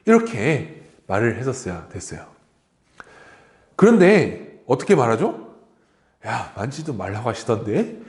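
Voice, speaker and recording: A man's voice: medium pitch, a little mellow. A man gives a children's sermon, with his voice rising and falling as he asks questions and briefly acts out the characters' lines. The sound rings around an echoey church room. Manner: asks the children questions and acts out the snake and Eve in quick asides. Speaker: children's pastor.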